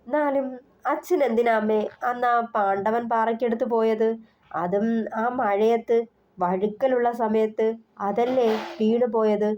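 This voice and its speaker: A woman voicing a gentle, playful young woman engaged to marry, in a storybook reading. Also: fairly high pitch, measured pace, dull audio, natural voice. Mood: tearful. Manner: soft, teasing.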